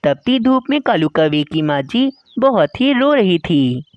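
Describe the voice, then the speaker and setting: Lively woman narrating a cartoon story. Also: lowish voice, unhurried, no room sound, lo-fi sound. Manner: lively storytelling, addresses viewers.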